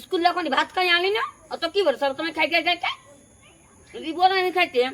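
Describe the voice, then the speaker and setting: Casting: woman as a sharp-tongued young stepmother, Purulia Bengali accent, bright high voice. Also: quick pace. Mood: scolding. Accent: Purulia Bengali dialect. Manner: sharp, scolding, quarrelsome. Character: harsh young stepmother, quarrelsome and scolding. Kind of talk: village home drama acting.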